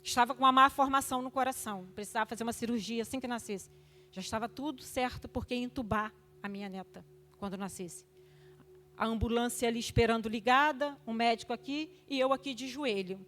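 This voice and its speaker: An older woman giving an emotional testimony at a church service, fervent, moving between loud exhortation and hushed tones. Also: on the high side, a little fast.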